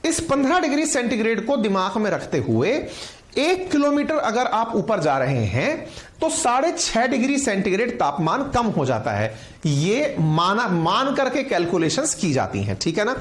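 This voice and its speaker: A male teacher talks in a lively, animated way, with his pitch rising and falling widely. He keeps asking his viewers questions and calls them companions. The roomy echo makes him sound like he is in a large room. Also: normal speed. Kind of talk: classroom lecture to online viewers.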